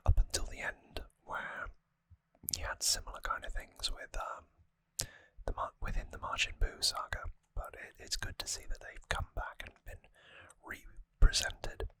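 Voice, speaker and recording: An ASMR host whispers close to the microphone in a sharp tone, with a dry recording. The talk is musing, conversational trivia commentary.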